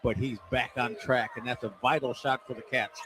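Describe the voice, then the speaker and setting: A man's voice: medium pitch, steady tone, moderate pace, noisy background. A man with a mid-range voice works as color commentator on a basketball broadcast. He analyses the play live, in spoken commentary.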